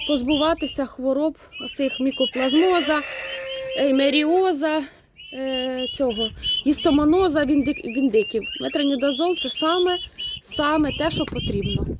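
A woman chatting casually in a farm vlog, explaining as she works and coaxing her animals. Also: high voice. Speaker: homestead vlogger. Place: outdoor farmyard with poultry. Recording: loud farmyard noise, birds clucking. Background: loud clucking poultry.

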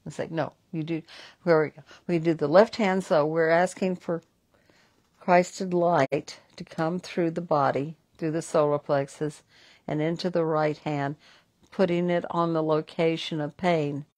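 A woman's voice: low-pitched, fairly even intonation, unhurried, a little mellow. Woman, Southern American accent, psychic host, live-stream storytelling, rambling with restarts.

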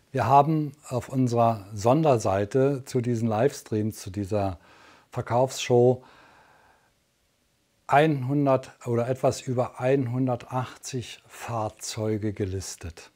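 A man in his sixties with a soft-edged, mellow voice at an average pitch. He hosts an infomercial-style sales show, chatting to viewers as he works through the products. His delivery is unscripted and conversational, with some searching for words. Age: 60s. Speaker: teleshopping host. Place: indoor studio, standing at a product table.

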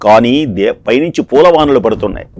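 A man gives a devotional discourse, dramatically telling a scripture story and repeating phrases for emphasis. His mid-range voice is expressive, brisk and a little mellow, with no room sound.

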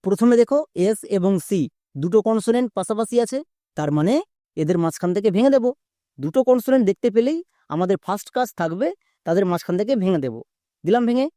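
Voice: medium pitch, lively intonation, fast, warm tone, dry recording, clean studio sound. A teacher giving a spoken lesson on breaking long words into parts for pronunciation. The teacher explains step by step and keeps checking that the listener is following. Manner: instructive, repeats steps and quizzes the viewer.

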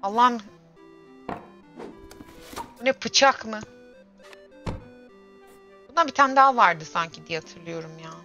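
A young woman with a bright, forceful voice chats through a gameplay livestream, exclaiming and grumbling to herself as she plays. The audio is dull and lo-fi, with faint game music under her voice. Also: a little high, expressive, slow, long pauses. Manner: chatty, exclaims and grumbles to herself while playing. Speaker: streamer. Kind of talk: casual gameplay livestream chat.

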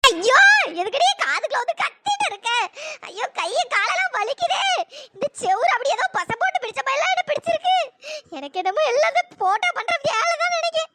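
A woman's voice: big pitch swings, fairly quick. A woman voicing a group of squabbling village women in a cartoon, all whiny scolding banter. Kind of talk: cartoon voice acting. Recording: noisy pitched-up processed voice.

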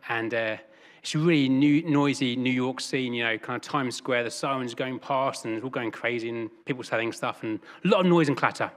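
A man preaching a sermon in church, telling stories in a lively, chatty way with jokes and quick asides. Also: medium pitch. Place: church hall with congregation.

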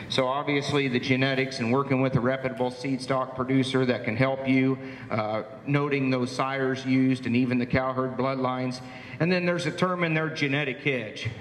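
A man's voice: mid-range voice, a bit bright, a little hiss or hum. A man giving a plainspoken presentation to cattle producers at a meeting, with lots of "uh" fillers. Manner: plainspoken, folksy, frequent "uh" fillers. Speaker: livestock auction market speaker. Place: meeting hall. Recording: roomy hall, long echo.

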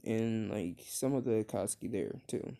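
A young man improvising a fan-fiction story out loud, rambling with many fillers and restarts. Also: fairly low pitch, moderate pace.

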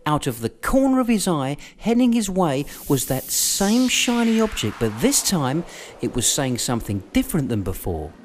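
A man narrating a children's audiobook in an expressive storytelling manner with dramatic pauses. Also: on the high side, slight background noise. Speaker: voiceover artist.

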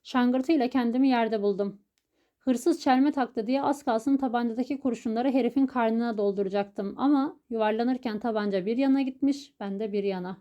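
A woman narrating a story as an audiobook reader, telling it in a steady, even way. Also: on the high side, moderate pace, muffled recording.

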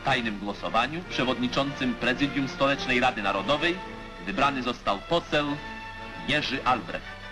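A man's voice: mid-range voice, normal speed. Man narrating an old newsreel. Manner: formal, declamatory. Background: music.

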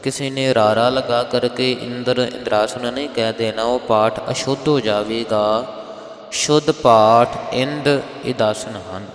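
A man teaching careful recitation of scripture, chanting verse lines slowly and then explaining where to pause and how to pronounce each word. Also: medium pitch, fairly even intonation, roomy sound, in a large hall. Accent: Punjabi. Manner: addresses listeners respectfully. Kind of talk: Gurbani pronunciation lesson.

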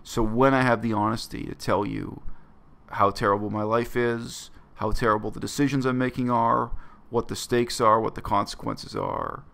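A man's voice: mid-range voice, fairly even intonation, normal speed, creaky, a bit bright. A man, talking earnestly and bluntly to his webcam in a small bedroom. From Canada. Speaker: vlogger. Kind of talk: reflective personal monologue to camera.

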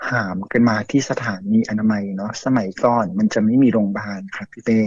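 A man's voice: on the low side, steady tone, fairly quick, a little mellow, breathy edge. A man telling a ghost story to a host in a chatty, casual way, full of fillers and acted-out quotes. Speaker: guest storyteller. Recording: dull lo-fi dry audio.

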